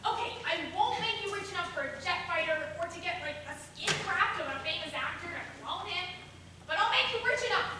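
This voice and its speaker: Teen girl doing a pushy street hustler lady, really high, echoey hall with hiss. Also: expressive, fairly quick, distant mic. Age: late teens. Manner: brash and pushy. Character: pushy street dealmaker woman, brash. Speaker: high school stage actor. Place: school auditorium stage.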